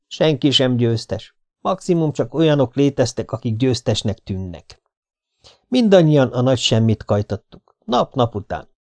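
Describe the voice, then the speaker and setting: A man with a mid-range, darkish voice narrates a first-person hard-boiled novel as an audiobook, keeping his reading dry and laconic.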